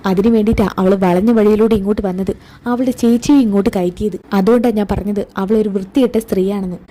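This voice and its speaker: A woman's voice: steady tone, fast talker, dark tone, close to an everyday voice. A woman voicing a jealous young married woman, whiny and accusing. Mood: spiteful. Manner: whiny, accusing, raised pitch.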